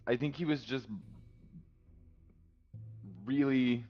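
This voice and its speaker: A man's voice: medium pitch, fairly even intonation, takes it slowly, highs cut off, faint music behind. Hesitant man playing a tabletop game. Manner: hesitant, restarts and fillers. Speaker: player. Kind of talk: casual chat in a tabletop game.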